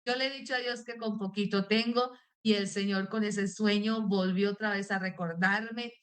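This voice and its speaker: A woman's voice: mid-range voice, fairly even intonation, moderate pace, fairly bright tone. Earnest woman preacher giving testimony. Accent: Colombian Spanish. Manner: earnest, addresses the congregation as brothers and sisters. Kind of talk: sermon with personal testimony.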